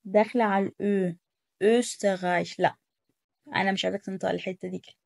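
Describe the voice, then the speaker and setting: A woman's voice: medium pitch, fairly even intonation, quick pace, creaky, over loud music. An Egyptian Arabic-speaking woman teaching German pronunciation in a casual tutorial, correcting and repeating sounds with emphasis.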